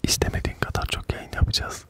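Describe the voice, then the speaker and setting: A young man chatting casually with livestream viewers in a quiet, late-night ASMR whisper, close to the microphone. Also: fast talker. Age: young adult. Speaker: livestream host. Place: small dark indoor room. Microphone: close desk microphone.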